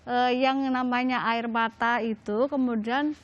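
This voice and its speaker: Unhurried and fairly even in intonation, this middle-aged woman's voice sits on the high side, with the highs cut off in the recording. She's an Islamic religious teacher guesting on a talk show, answering questions chattily with frequent laughter and many fillers.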